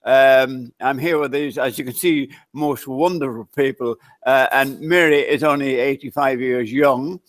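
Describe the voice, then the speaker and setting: A man's voice: medium pitch, steady tone, unhurried, few pauses, no echo. A man with a Northern English accent, a guest chatting at length and apologizing for going on. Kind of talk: casual chat.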